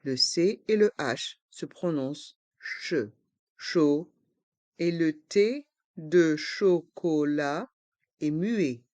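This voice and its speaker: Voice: medium pitch, a little mellow, no room sound. Pronunciation tutor, drills words at a crawl, dry close sound. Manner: repeats each word slowly and spells out letters. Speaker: French pronunciation teacher.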